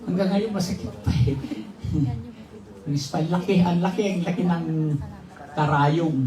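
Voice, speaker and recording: A man's voice: fairly high pitch, a little mellow. A Filipino man, a pastor, giving a humorous testimony in a sermon to his congregation. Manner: jokes and laughs with the congregation. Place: church hall. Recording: roomy, distant mic, faint ambience.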